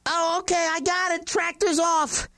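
A man's voice: flat delivery, a little slow, exaggerated voice. A man voicing a grumpy, crotchety old man with a strained voice, exclaiming and blustering on a prank phone call. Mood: rattled. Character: grumpy crotchety old man, panicked, irate bulldozer renter. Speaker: prank caller. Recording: noisy phone call, loud engine rumble.

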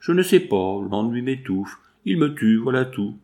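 A man's voice: mid-range voice, sing-song, normal speed, warm tone. A man reading aloud and voicing a willful, impetuous eighteen-year-old girl who pleads insistently.

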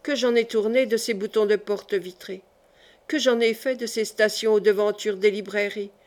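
Audiobook narrator, woman, measured expressive delivery, mid-pitched. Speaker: audiobook reader. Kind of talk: first-person novel narration.

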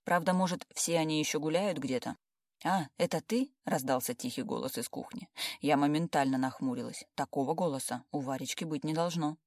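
A woman narrating a first-person audiobook with lively, wry storytelling. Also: sits low, a little fast, dry recording, clean studio sound.

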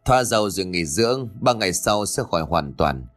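A man's voice: low-pitched, expressive, fairly quick, fairly bright tone, soft background music. A man playing a stern older male exorcist who gives firm orders. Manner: stern, commanding.

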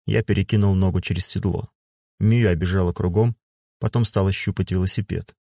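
A man narrating a first-person fantasy audiobook in a measured, even storytelling manner. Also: sits low, creaky, no echo, studio quality.

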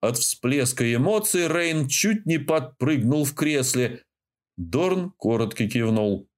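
A man reading a novel aloud as an audiobook narrator, with steady, even storytelling. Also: medium pitch, slow. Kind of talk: scripted narration.

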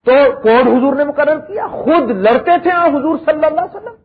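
A middle-aged male preacher giving a dramatic lecture, swinging between emphatic high lines and quiet low ones, reciting verse slowly. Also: expressive. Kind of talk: Urdu religious lecture. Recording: tinny phone-like lecture recording.

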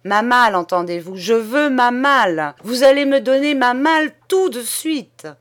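A woman reading an audiobook, voicing a young chambermaid who rails at a nun with loud, mocking defiance. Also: a little high, steady tone, normal speed, dry recording, studio quality, natural voice. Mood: furious.

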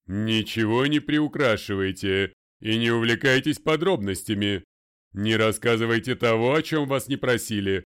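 Brief: man voicing a booming, commanding older lawyer, deliberate, smooth and resonant tone. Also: close to an everyday voice. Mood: stern. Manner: loud, commanding, slow and deliberate. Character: stern, domineering older male lawyer, a father. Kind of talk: audiobook character voice.

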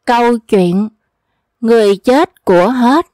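A woman reading humorous folk tales aloud at a steady, even pace. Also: fairly high pitch, slow, no echo, clean studio sound. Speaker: storyteller.

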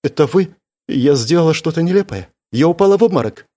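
A man voicing a young rich woman who turns from frightened to bold, asking quick questions. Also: fairly high pitch, animated, dark tone, voice pushed up.

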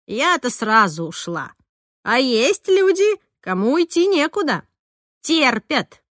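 A woman voicing a blunt, grumbling older cleaning woman in an audiobook, with a slow, drawn-out delivery. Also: high-pitched, big pitch swings, fairly bright tone, no room sound, clean studio sound, full character voice. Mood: glum. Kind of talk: audiobook character reading.

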